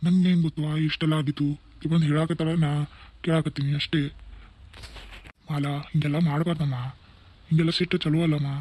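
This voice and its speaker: Man voicing a calming cartoon father with a North Karnataka accent. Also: fairly high pitch, fast, pauses often, lightly acted. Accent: North Karnataka Kannada. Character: mild peacemaking father of the family. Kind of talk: cartoon voice acting.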